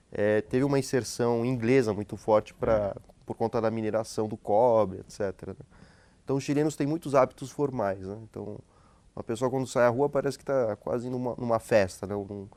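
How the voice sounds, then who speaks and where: A man speaking as a guest sociologist and professor, explaining in a relaxed conversational way, tagging his sentences with questions and often restarting them. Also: on the low side, a little fast, no room sound. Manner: frequent tag questions and hesitant restarts.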